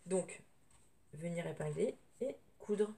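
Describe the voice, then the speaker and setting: A woman hosting a casual sewing tutorial, her voice thick and odd from tonsillitis, hesitant and often clearing her throat, recorded on a camera without a separate microphone. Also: lowish voice, animated, slow pace, warm tone. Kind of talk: casual spoken craft tutorial. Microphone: camera's built-in microphone at a distance. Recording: noisy room sound without microphone.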